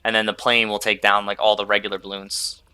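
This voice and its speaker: Young gamer guy chatting while he plays, low-ish but bright voice, dry close sound. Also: monotone, a little fast, smooth, no room sound. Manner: rambling, chatty, fills with "like" and "you know". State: sleepy, yawning. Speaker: gaming channel host. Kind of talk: casual gameplay commentary.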